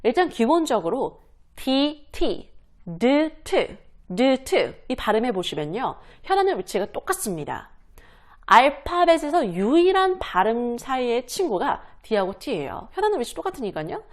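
A woman teaching English pronunciation to camera, demonstrating words slowly and repeating them, asking and answering her own questions. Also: a little high, big pitch swings. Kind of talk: explaining lesson to camera.

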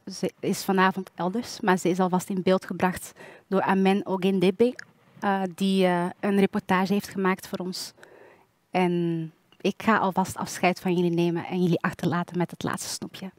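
A woman's voice: lowish voice, little pitch movement, moderate pace, a little mellow, no echo. A woman presenting an evening event, introducing the next reader plainly, with a few hesitations.

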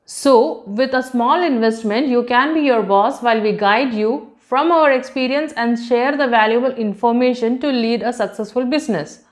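A woman narrating a scripted promotional voice-over, reading steadily through lists of services and equipment. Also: a little high. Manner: steady, measured reading of a list-heavy script.

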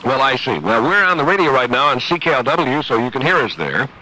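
A man's voice: medium pitch, big pitch swings, brisk, pushed and bright, a little hiss or hum. A man putting on a chipper, overly polite prize-caller for a prank phone call bit, coaxing a caller.

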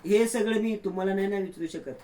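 Man doing a shy young wife, soft, musing, tender, high voice. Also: fast, close to an everyday voice.

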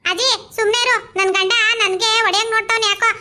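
A woman's voice: very high voice, fairly even intonation, quick pace, bright, forceful tone. A woman voicing a whiny village wife with a sore throat from crying, with a Mandya Kannada accent. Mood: whining.

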